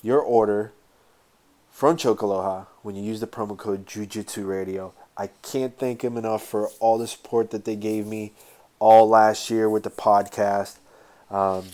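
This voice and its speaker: A man's voice: fairly low pitch, fairly even intonation, normal speed, darkish tone. A man hosting a podcast solo in casual talk, sounding congested with a stuffed-up nose and breathing through his mouth. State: stuffed-up nose, getting over a sinus infection. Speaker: podcast host.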